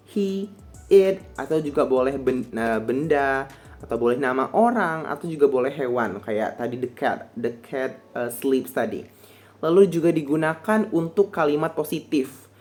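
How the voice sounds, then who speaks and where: Low, mellow-voiced woman teaching English. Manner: slow, drawn-out repetition of example sentences for learners. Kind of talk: casual explanatory lesson.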